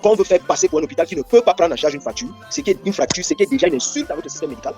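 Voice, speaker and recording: A man's voice: sits high, sing-song, rapid-fire, darkish tone, soft background music. A man in a casual chat, agreeing with his co-host and explaining details at length.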